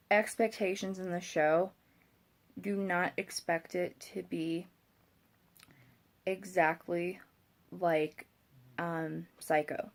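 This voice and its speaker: A woman's voice: lowish voice, gravelly. A young woman chatting casually as a vlogger, tired and rambling with hesitations, her speech slightly thick from a swollen tongue. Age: young adult. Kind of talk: casual chat to camera.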